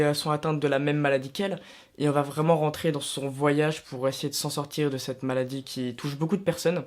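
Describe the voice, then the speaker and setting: A man's voice: fairly high pitch, darkish tone. A young man from France chatting casually to his viewers, recommending films and series with self-mocking asides. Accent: French. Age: young adult. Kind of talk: casual vlog talking to camera.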